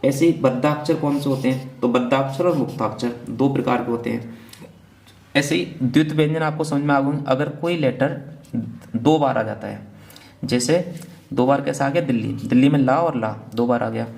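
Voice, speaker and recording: A man's voice: mid-range voice, normal speed, creaky, darkish tone. A man teaching an exam revision lecture, asking questions and answering them himself and often checking in with "theek hai na". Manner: asks question then answers it.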